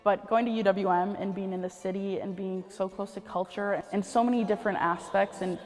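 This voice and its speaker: A woman's voice: medium pitch, steady tone, brisk, a little mellow, in a large hall, faint music behind. Sincere woman musician graduate. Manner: thoughtful, sincere. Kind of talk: interview testimonial.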